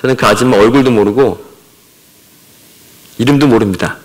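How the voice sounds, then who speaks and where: A man's voice: medium pitch, normal speed. A middle-aged man, a missionary, preaching a sermon emphatically, asking his listeners questions and answering them himself. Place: church sanctuary. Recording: reverberant church hall.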